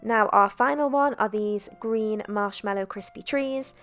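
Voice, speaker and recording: A woman's voice: mid-range voice, unhurried, music in the background. Chatty young woman narrating a recipe. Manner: chatty, self-deprecating, relaxed. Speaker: cooking vlogger.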